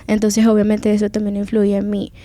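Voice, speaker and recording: A woman's voice: mid-range voice, completely flat delivery, a little fast, warm tone. A young woman from Venezuela with a Venezuelan Spanish accent, telling her faith testimony as a guest in an earnest, confiding way.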